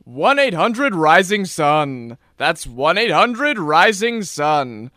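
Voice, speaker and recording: A man's voice: big pitch swings, slow pace, sharp tone, no room sound, clean studio sound, exaggerated voice. A man doing a hard-sell announcer voice in a spoof infomercial within a radio comedy. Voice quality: hard-sell, booming salesman delivery. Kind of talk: mock infomercial pitch.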